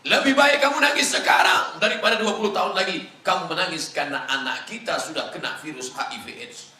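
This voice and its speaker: A man's voice: high voice, animated, a little fast, pushed and bright, echoey room, distant mic, voice pushed up, exaggerated voice. A man voicing a stern middle-aged father who firmly lectures his crying wife. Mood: insistent.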